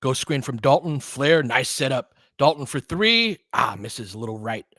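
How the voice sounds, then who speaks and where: An American man hosts a live stream of casual basketball play-by-play, chatting with viewers in a mid-range, animated voice at a moderate pace that sounds pushed, bright, and dry, with no room sound. He's conversational and analytical, explaining tactics as he goes.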